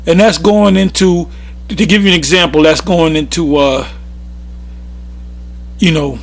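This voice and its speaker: A man's voice: fairly high pitch, steady tone, unhurried. A man giving an informal, rambling sermon, often restarting his sentences. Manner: rambling, with frequent restarts and fillers. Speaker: religious teacher.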